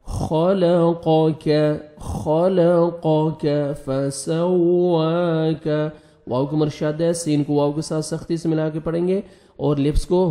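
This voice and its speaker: A man with a Pakistani Urdu accent teaches recitation of the Quran in a mellow voice that sits a little high for a man. He spells out each syllable by letter and vowel mark, then recites the words in a slow, loud, drawn-out way. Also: vocal fry.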